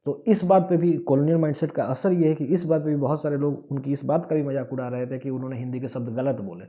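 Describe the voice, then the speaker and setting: A man's voice: medium pitch, fairly even intonation, fast talker, dark tone. A man from Bihar with a Bihari accent, giving an earnest explanatory talk point by point. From Bihar, India. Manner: earnest, points listed one by one. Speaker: speaker of a language-awareness movement.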